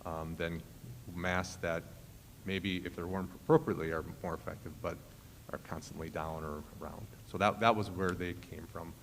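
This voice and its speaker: Low-voiced man in an echoey hall. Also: fairly even intonation, normal speed. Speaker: school official advising the board. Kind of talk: meeting discussion. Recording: echoey hall with faint noise.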